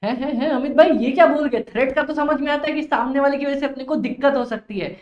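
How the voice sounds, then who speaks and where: A man's voice: very high voice, quick pace, pitched above the performer's own voice. A man voicing a puzzled male student who questions his teacher incredulously. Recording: roomy, dull lo-fi.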